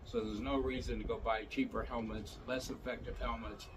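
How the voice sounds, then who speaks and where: A man's voice: mid-range voice, little pitch movement, fairly quick, background noise. An older man hosting a casual explainer, talking in an informal, matter-of-fact way. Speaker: host of a motorcycle safety series.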